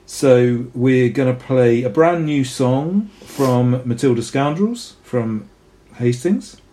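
Podcast host, medium pitch voice, casual banter and informal announcements. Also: animated, slow pace, warm tone.

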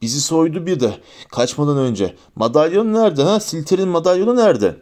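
Drunken wizard, filthy, hostile, slurred, low snarl, male audiobook narrator doing the voice. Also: animated, brisk, a little mellow, lightly acted. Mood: angry. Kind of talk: audiobook character voice.

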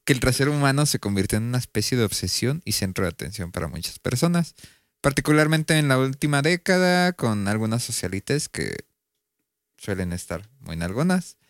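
A man's voice: medium pitch, sing-song, a little fast, no room sound, studio quality. Joking Mexican man reading podcast notes. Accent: Mexican Spanish. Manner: joking, switches to reading news notes aloud. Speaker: podcast co-host presenting a news item. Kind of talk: casual podcast banter.

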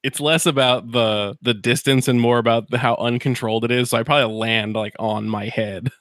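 A man's voice: medium pitch, fairly even intonation, brisk, a bit bright, dry recording. Dry-joking man at a tabletop game. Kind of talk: casual game chat.

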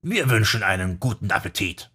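Guy reading a polite formal guard, low and kinda breathy. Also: big pitch swings, fairly quick, sharp tone, exaggerated voice. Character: polite male hotel guard, stiff and formal.

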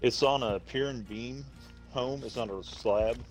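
A man's voice: medium pitch, measured pace, soft background music. A man, chatting casually with friends over a game, slightly lisping and swearing freely. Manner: laid-back, swears freely, slight lisp from a new denture. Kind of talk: casual gaming voice chat.

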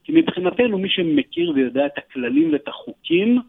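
Gravelly man on a tinny phone line. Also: very high-pitched, very animated. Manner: earnest, urgent, with many hesitations. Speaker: interview guest, economic educator. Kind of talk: radio interview talk.

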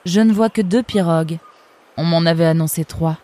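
A woman's voice: fairly low pitch, normal speed, dark tone, natural voice. A woman voicing a tall tattooed female fox who talks in a blunt, offhand, cynical way in a storybook.

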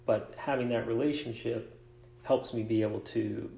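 A man's voice: medium pitch, fairly even intonation, moderate pace, vocal fry, warm tone. A man hosting a casual interview about coaching, reflective, asking long rambling questions. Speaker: podcast host, coach and author. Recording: echoey room.

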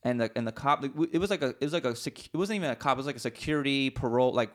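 A man's voice: mid-range voice, expressive, racing, a bit bright. A man telling a long story in casual chat, rambling and slangy, swearing often, with many restarts. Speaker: podcast co-host.

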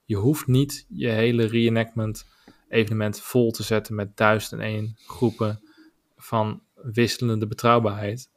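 A man with a Dutch accent co-hosting a podcast, talking in a measured, opinionated way with many filler pauses. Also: on the low side, little pitch movement. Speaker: podcast co-host. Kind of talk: casual podcast discussion.

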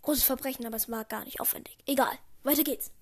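A woman's voice: sits high, steady tone, fast. A young girl making chatty, playful asides between passages of a story reading. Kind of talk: casual asides.

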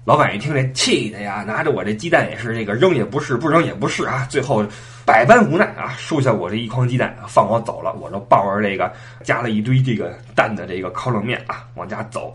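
A man telling a rambling, self-mocking comic monologue, full of stammered restarts. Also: fairly low pitch. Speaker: comic storyteller.

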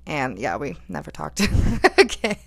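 A woman's voice: sits low, wildly swooping pitch, a little slow, creaky, fairly bright tone, no room sound. A woman in her early twenties casually telling a dating story, full of "like" and laughing as she talks. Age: 20s. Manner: chatty, lots of "like", laughs while telling.

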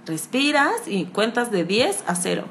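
A woman's voice: mid-range voice, expressive, measured pace, a bit bright, a little hiss or hum. Mexican woman co-host, casual, blunt and slangy, young adult. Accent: Mexican Spanish. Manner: frank, slangy, laughs often. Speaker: podcast co-host. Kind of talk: casual chat.

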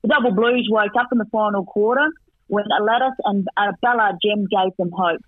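A man giving a chatty football match recap and tips as a radio guest, rattling off stats with quick asides. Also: high voice, fairly even intonation, dry recording. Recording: tinny dry phone line.

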